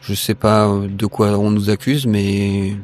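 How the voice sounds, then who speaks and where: A man playing a tabletop role-playing game, improvising his lines and actions in a hesitant, measured way. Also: fairly low pitch, completely flat delivery, darkish tone. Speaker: tabletop role-play player. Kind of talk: improvised in-character play and narration.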